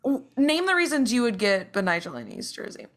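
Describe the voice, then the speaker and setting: This is a woman co-hosting a podcast from a video call, sounding bubbly and giggly. Her pitch sits a little high and swings all over the place as she chats. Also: big pitch swings, fairly quick. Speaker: podcast co-host.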